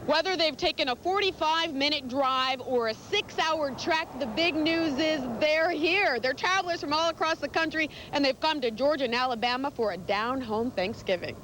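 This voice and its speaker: A woman's voice: high voice, moderate pace, few pauses, fairly bright tone. Female TV reporter narrating over street noise. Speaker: TV news reporter. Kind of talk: scripted news package narration.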